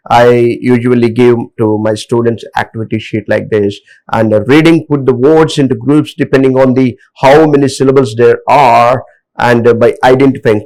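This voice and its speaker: A man's voice: mid-range voice, a little mellow, low-quality recording. A man with an Indian English accent, explaining word stress in a hesitant lecture full of fillers. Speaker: English teacher. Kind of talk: lecture with slides.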